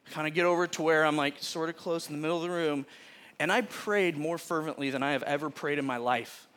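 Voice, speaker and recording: Bright-voiced, lively man preaching. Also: a little high, fast talker. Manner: animated, chatty storyteller who often laughs mid-sentence. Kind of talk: casual sermon with personal storytelling.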